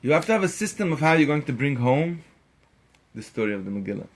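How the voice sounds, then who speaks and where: A man teaching a Torah lesson through an animated story and acting out its characters. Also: on the high side, quick pace. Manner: animated, acts out the characters, rises to emphatic peaks.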